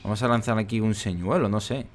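A man's voice: lowish voice, fast. A young man with an accent from Spain commentating his game, ranting in exasperation and swearing often. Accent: Spanish from Spain. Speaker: gaming YouTuber. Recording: game sound and music behind.

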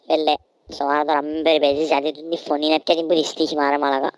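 A man with a Cypriot Greek accent putting on an odd high-pitched voice in jokey, mock-serious gaming chat. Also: little pitch movement, clear, resonant tone, no room sound, natural voice. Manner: joking, mock-serious teasing. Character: young man's odd high squeaky voice.

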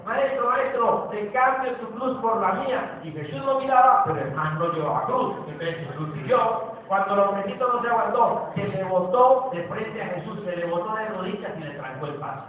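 A Colombian motivational speaker with a high-pitched, animated voice talks a little fast, giving a joking talk to a live audience with stories and questions for the crowd. The recording sounds distant and phone-like, in an echoey hall with audience present.

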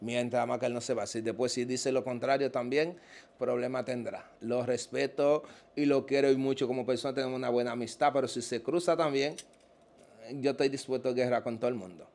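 Animated Dominican man telling street stories. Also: medium pitch, brisk. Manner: animated storyteller, acts out quoted voices. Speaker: interview guest. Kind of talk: casual interview.

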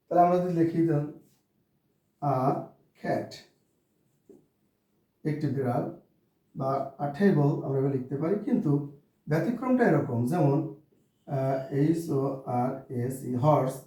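A man's voice: on the high side, dark tone. Man teaching in a very echoey room. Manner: spells words letter by letter, asks and answers own questions. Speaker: English teacher. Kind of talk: spoken English lesson. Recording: distant mic in a very echoey room.

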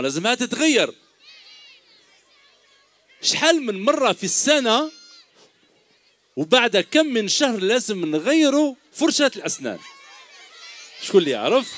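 Algerian man, middle-aged, children's show host, high voice, very animated, teasing, handheld mic outdoors. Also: a little fast, long pauses. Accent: Algerian Arabic. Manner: teasing, jokey, calls kids "my dears". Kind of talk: playful quiz with children on stage. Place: outdoor stage before a large crowd of children. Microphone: handheld microphone.

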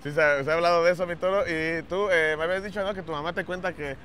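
A Mexican man co-hosting outdoors at a beach, teasing his friend in excitable, slang-heavy casual chat. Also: a little high, fast talker. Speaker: co-host.

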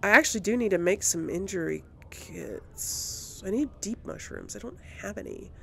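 This gaming host speaks at medium pitch and a moderate pace, her tone sharp and animated with some vocal fry. She keeps up relaxed let's play commentary, reasoning aloud over the game music as she plays.

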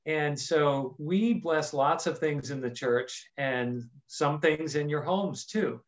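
A man's voice: fairly high pitch, slow. A middle-aged man, a priest, plainly explaining things for children on a video call. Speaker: priest, interview guest. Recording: slightly dull video-call audio.

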